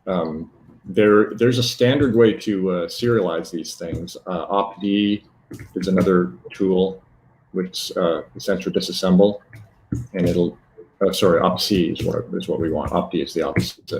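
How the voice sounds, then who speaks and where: A man presenting a live technical demo, talking haltingly with many fillers and self-corrections. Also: sits low, darkish tone, rough recording.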